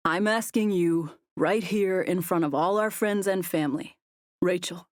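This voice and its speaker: A woman voicing a tender, playful young man in love, speaking gently and earnestly. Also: fairly low pitch, a little slow, no echo, close to an everyday voice.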